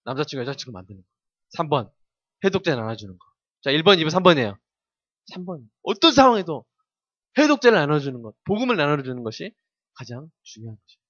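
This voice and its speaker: Male preacher, high bright delivery, quizzes his youth congregation, dry, dull lo-fi capture. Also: very animated, fast, pauses often, no room sound. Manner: keeps asking the congregation questions and leading call-and-response. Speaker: pastor.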